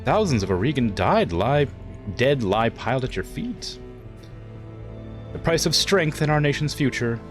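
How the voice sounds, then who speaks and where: A man's voice: mid-range voice, sing-song, measured pace, pauses often, faint music behind, pitched above the performer's own voice. A man voicing a wounded but resolute noblewoman leader in a video game, speaking formally and earnestly. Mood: hurt, accusing. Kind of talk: reading game dialogue aloud.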